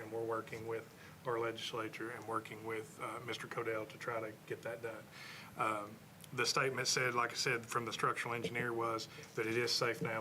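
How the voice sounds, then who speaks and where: A man of middling pitch with a bright, forceful voice gives a school board report. He speaks plainly and earnestly, with frequent fillers, and a faint rumble runs underneath. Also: rough recording. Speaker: school superintendent.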